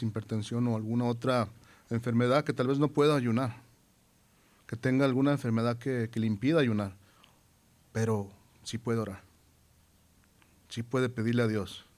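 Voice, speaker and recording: A man delivers a sermon in an earnest, mid-pitched voice. He repeats phrases for emphasis and reads scripture aloud with rising intensity. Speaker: preacher.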